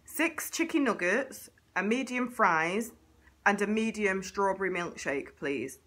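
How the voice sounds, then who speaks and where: A woman's voice: mid-range voice, expressive, measured pace, fairly bright tone. A woman in her thirties with a Mancunian accent talks straight to camera in a chatty, comedic vlog. Her voice moves up and down a lot, and she slips into playful exaggerated takes on other people. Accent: Mancunian English. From Manchester, England. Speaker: vlogger.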